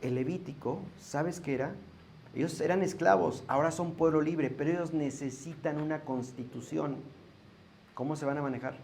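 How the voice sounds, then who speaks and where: Gravelly Mexican pastor preaching. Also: male voice, on the high side, normal speed, darkish tone, slight background noise. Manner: conversational teaching, asks the congregation questions. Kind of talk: sermon.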